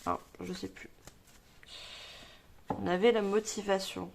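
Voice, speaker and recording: A woman's voice: mid-range voice, flat delivery, slow, gravelly, slight background noise. Woman, tarot reading video, rambling, self-repeating, reads cards aloud. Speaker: tarot reader.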